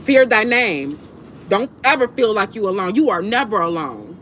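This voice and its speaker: A woman host livestreams while eating, talking casually and passionately to viewers in blunt, repetitive, profane slang with heavy emphasis. She has a mid-range voice with big pitch swings, a moderate pace and a slightly bright tone. The recording is clear with some background noise.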